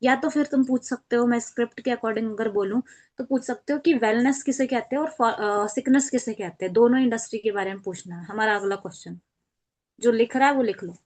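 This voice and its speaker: A woman's voice: on the high side, a little fast, a little mellow. A woman teaching an online training class on a video call, explaining step by step and acting out sample phone calls.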